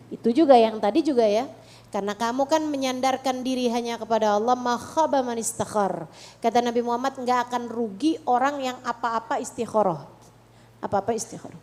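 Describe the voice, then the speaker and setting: A woman's voice: a little high, a little mellow. A middle-aged woman with an Indonesian accent giving an Islamic study talk to women, earnest and often asking the audience questions. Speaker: religious teacher.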